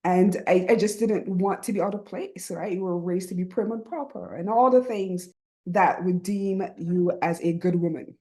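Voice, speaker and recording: This middle-aged woman from Barbados has a lowish voice at normal speed and a Barbadian accent. As a podcast guest and writing program founder, she speaks earnestly and reflectively in a conversational interview, often adding "right?" and soft laughs.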